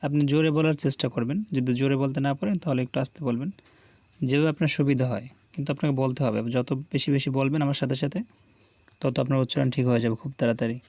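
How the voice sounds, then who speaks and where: A man with a steady, darkish mid-range voice teaches Quran reading, pronouncing letters one by one in a slow call-and-repeat drill. Patient and deliberate, he coaxes the viewer to say each letter aloud after him. There's no echo in the recording.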